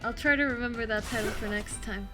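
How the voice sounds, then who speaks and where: A woman's voice: a little high, fast talker, over music. A woman with a German accent streaming a game, chatting casually, thinking aloud and answering her chat. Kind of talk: casual gameplay commentary.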